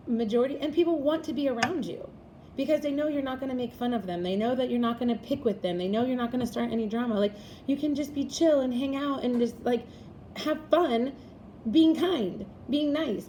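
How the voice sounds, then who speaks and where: A woman's voice: a little high, normal speed, warm tone, slight background noise, rough recording. A woman in her thirties teaching a class, talking to her students in an encouraging, chatty way and often checking in with "right?" and "okay?".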